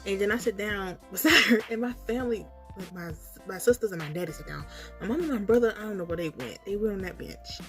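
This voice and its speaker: Female vlog storyteller, mid-pitched, hazy and puzzled dream recounting, casual and reactive, light music underneath. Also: fast, a bit bright. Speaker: storytelling vlogger.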